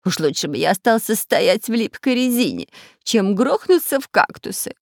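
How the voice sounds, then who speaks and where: A woman voicing a cowardly male spy and robber who whines and complains in a high, shrill voice. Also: very animated, normal speed, vocal fry, darkish tone, no room sound, clean studio sound. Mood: whining.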